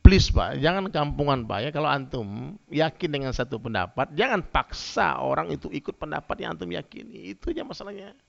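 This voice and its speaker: Male preacher telling stories to his congregation, bright tense tone, gravelly edge. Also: a little high, brisk. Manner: lively storytelling, addresses listeners directly. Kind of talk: humorous sermon with anecdotes. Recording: dull lo-fi sound.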